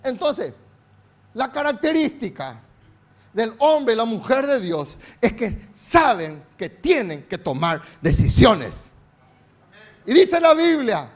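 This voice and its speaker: Male pastor, Paraguayan Spanish accent, very high voice, emphatic sermon delivery with call-and-response. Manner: repeated rhetorical questions. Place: church service.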